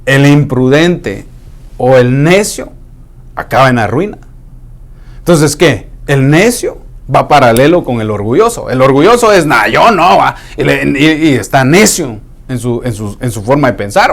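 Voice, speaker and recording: A man preaching a sermon in a conversational way, dropping into hushed asides to act out what people say. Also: mid-range voice, very animated, measured pace.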